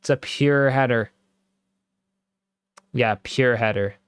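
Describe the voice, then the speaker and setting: A man casually commenting on a football match live for his stream, slangy and excitable, breaking into loud exclamations at big moments. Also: medium pitch, takes it slowly, clear, resonant tone, no room sound.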